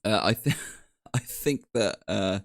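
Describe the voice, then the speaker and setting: Low-voiced man, dry close sound. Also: slow pace, creaky, dry recording. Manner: stammering restarts, easygoing. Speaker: guest streamer. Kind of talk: casual chat.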